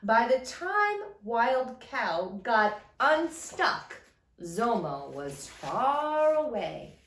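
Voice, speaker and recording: A woman storyteller reading a children's trickster tale with dramatic, expressive emphasis. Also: mid-range voice. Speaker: storyteller reading a picture book. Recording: roomy echo, mic at a distance.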